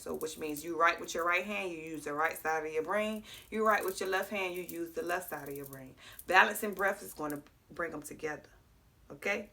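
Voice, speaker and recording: Woman a bit stuffed up from pollen, walks you thru breathing, bright gravelly voice, keeps asking okay?. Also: fairly low pitch. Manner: talks straight to viewers, checks in with frequent "okay?". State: congested, slightly clogged. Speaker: spiritual guide teaching breathing exercises. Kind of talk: casual guided breathing lesson.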